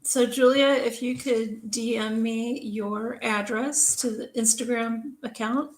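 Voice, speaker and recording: A woman's voice: fairly high pitch, fairly even intonation, takes it slowly. A woman co-hosting a casual live stream over a video call, friendly and chatty, who laughs easily. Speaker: co-host. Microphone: video call setup.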